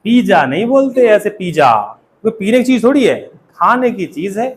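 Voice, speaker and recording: An Indian-accented English teacher speaks in a high, animated voice at a fairly quick pace. In his spoken English class, he keeps quizzing students and asking them to repeat after him.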